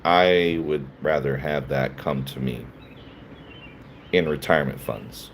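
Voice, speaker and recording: A man's voice: a bass voice, slow, slight background noise. A sleepy man hosting a live stream, reading chat and riffing casually, laughing often between jokes. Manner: laughs often, loose and joking, answers chat. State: sleepy, yawning. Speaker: livestream host reading chat.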